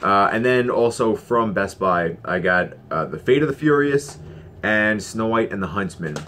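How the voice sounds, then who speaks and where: A man's voice: fairly low pitch, animated, moderate pace, a bit bright. Chatty man showing off his disc haul. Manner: enthusiastic, rambling, lots of fillers and restarts. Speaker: Blu-ray collector vlogger. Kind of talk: casual collection haul vlog.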